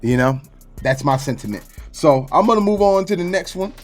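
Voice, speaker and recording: A man's voice: a little high, lively intonation, brisk, soft background music. A man from Florida hosting a casual podcast chat, laid-back and slangy, going down a list with plenty of fillers. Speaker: podcast host.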